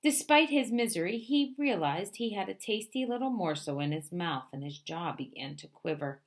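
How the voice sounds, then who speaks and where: A woman reading a children's picture book aloud in an expressive storytelling way. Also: medium pitch, moderate pace.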